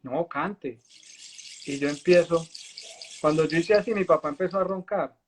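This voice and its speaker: A spiritual guide tells his stories with lively energy. His voice sits quite high for a man, and he acts out the dialogue of the past as he goes. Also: brisk, a little hiss or hum. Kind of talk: storytelling in a conversation.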